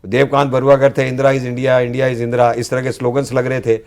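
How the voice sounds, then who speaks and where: A former student leader turned senior politician, now older, speaks fast in a mid-range, slightly mellow voice with a completely flat delivery. As a guest in a studio discussion, he earnestly explains past events and frequently ends with "जी".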